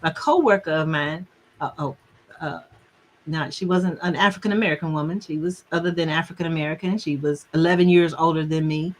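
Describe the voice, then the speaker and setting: A middle-aged woman counselor chatting casually and telling lively stories, often laughing and mimicking the people she quotes. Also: sits low, brisk. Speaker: relationship counselor guest. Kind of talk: casual conversation.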